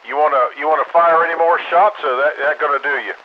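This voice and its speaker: A man's voice: fairly high pitch, fast talker. A man hosting an amateur radio net in a casual, folksy manner, heard over two-way radio. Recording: dull lo-fi radio with faint static.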